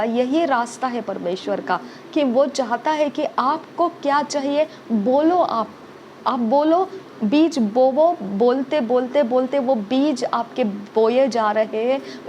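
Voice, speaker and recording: Woman preacher, high voice, repetitive urging, faint background noise. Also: animated, takes it slowly, a little mellow. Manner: repetitive exhortation, frequent "okay?" checks. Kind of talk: sermon.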